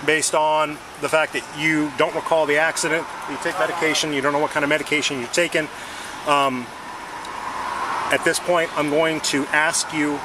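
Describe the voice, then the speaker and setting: A police officer talks to a driver at a roadside, recorded on a body-worn camera, with clear traffic noise behind him. His voice sits a little high for a man. He stays calm and procedural, and keeps checking in with "okay". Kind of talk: bodycam questioning at a crash scene. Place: outdoors by a car at a roadside. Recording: noisy bodycam audio with traffic.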